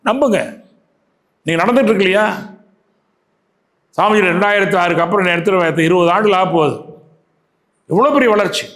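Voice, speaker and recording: High-voiced man teaching, asks questions. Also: a bit bright. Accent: Tamil Nadu. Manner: asks the audience questions, repeats phrases; recites verses slowly. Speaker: yoga teacher. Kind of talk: spiritual talk to a class.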